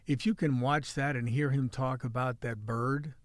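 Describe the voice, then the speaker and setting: A middle-aged man hosts a podcast and serves as a city editor, speaking with a Midwestern American accent at medium pitch, in a steady tone and at normal speed. The recording is dry, and his talk is a joking, rambling mix of casual chat and local news, with frequent restarts.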